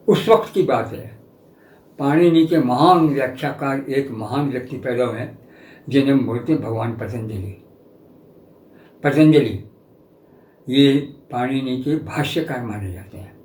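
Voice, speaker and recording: Older male lecturer, slightly high voice, measured and explanatory, echoey room. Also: darkish tone. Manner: measured, explanatory, poses rhetorical questions. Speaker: professor lecturing on scripture. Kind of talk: spiritual lecture.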